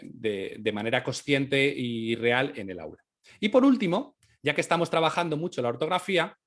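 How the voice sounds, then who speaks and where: A man's voice: medium pitch, fairly bright tone. A man from giving an instructional talk as an early-years teacher trainer, explaining step by step and sounding out syllables and phonemes aloud.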